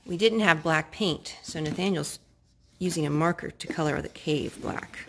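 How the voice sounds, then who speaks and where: At home in a living room with wood floors, a woman with a deep voice chats casually with small children, narrating a craft in an encouraging, sing-song way at a moderate pace. She is a parent hosting a children's craft video, filmed on a handheld phone, with slight background noise.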